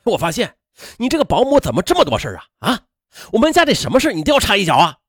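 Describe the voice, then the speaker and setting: A man's voice: high-pitched, huge pitch swings, very fast, fairly bright tone, breathy edge, dry recording, studio quality, voice pushed up, heavily acted. A man voicing an angry young husband who barks and scolds. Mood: furious. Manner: barking, scolding.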